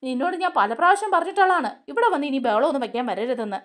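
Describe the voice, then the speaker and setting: A stern man scolds and questions his family in a serial retelling, played by a woman narrator. His voice is high and animated, with a firm, reproachful edge. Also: rapid-fire. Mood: scolding. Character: stern older brother figure, scolding.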